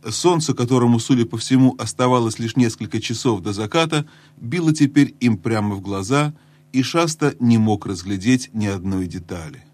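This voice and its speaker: An audiobook narrator, a man, reads a children's fantasy story aloud in scripted storybook narration. His storytelling voice is measured, sinking low and hushed whenever the moment turns tense.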